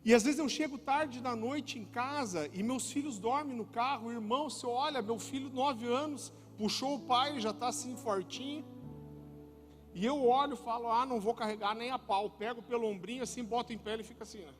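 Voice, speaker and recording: A male pastor preaching a sermon, an animated, joking storyteller who keeps calling the audience brother. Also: very high voice, normal speed. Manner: turns soft and hushed near the end. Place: church hall. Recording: reverberant church hall with music.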